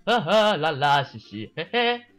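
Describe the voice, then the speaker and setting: A man's voice: on the high side, big pitch swings, a little slow, a bit bright, soft background music. A man giving casual let's-play commentary, sarcastic and swearing often while mockingly reading the game's text aloud.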